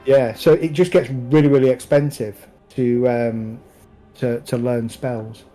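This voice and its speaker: Unhurried game master narrating a scene. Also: male voice, mid-range voice, soft background music, low-quality recording. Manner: relaxed, unhurried narration with fillers. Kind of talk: running a tabletop game on stream.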